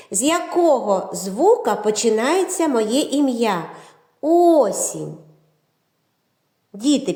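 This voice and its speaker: A woman narrating a children's phonics lesson, with a slow, clear, drawn-out teacher's delivery. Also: on the high side, a little mellow. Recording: roomy echo.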